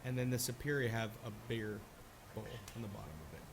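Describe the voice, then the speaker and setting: A man's voice: medium pitch, fairly even intonation, fast talker. A man improvising narration as a tabletop game master, hesitant and thinking aloud. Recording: clear background noise.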